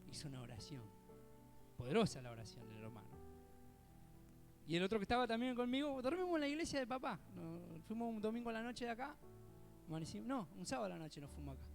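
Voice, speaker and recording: A middle-aged man from Argentina with an Argentine accent, preaching a sermon in a conversational way. He asks "¿sí?" often, calls listeners "hermano", and swells loud when he quotes scripture. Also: high voice, creaky. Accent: Argentine Spanish (Buenos Aires area). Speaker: co-pastor. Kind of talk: sermon with personal anecdotes.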